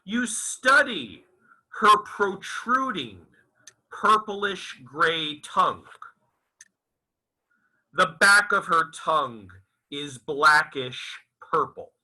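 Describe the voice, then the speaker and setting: An author reads his own novel aloud as a dramatic literary audiobook, his fairly high, pushed, bright voice swinging expressively up and down. He goes very slowly, with theatrical, deliberate phrasing broken into short, halting pieces and emphatic enunciation. The audio quality is poor.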